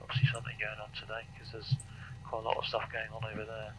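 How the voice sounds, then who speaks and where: A British man working as a flight instructor, giving calm, encouraging step-by-step instructions and chatting casually over a cockpit headset. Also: fairly low pitch, fast. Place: small aeroplane cockpit in flight and taxiing. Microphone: aviation headset. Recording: noisy cockpit intercom with engine hum.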